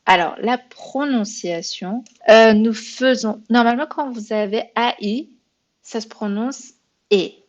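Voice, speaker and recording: A woman's voice: a little high, slow, highs cut off. A woman teaching a beginner language lesson, patient and thinking aloud as she explains, sometimes correcting herself. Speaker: French teacher.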